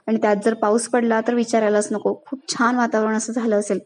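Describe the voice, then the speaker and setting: A woman's voice: on the high side, little pitch movement, brisk, lightly acted. A woman reading the lines of an eager, romantic young husband in her own voice.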